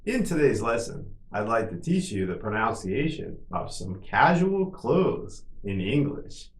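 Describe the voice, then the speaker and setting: Male english teacher, slow drill, each word repeated three times, very lively pitch, roomy echo. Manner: says each word three times, the third rising high. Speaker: English teacher, channel host.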